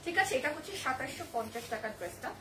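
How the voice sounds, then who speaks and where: Hoarse bangladeshi woman selling clothes on a phone live, fast and chatty, high pitched. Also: expressive, bright, forceful tone, slight background noise. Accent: Bangladeshi Bengali. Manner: chatty, reads viewer comments aloud and answers them. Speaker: online boutique live seller. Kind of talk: live-stream sales pitch.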